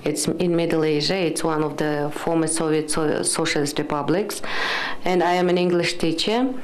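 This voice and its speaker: Earnest woman, fairly low voice. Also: steady tone, moderate pace, a little hiss or hum, rough recording. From Kyrgyzstan. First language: Kyrgyz. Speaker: English teacher. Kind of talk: formal self-introduction.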